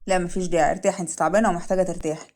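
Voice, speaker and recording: A woman's voice: on the low side, fairly even intonation, racing, darkish tone, close to an everyday voice. A woman voicing a teasing, protective young male officer, in playful banter.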